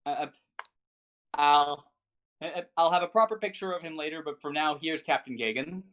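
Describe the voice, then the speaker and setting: A game master improvising narration for a tabletop game, with a halting, stammering delivery that often repeats words. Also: medium pitch, a bit bright.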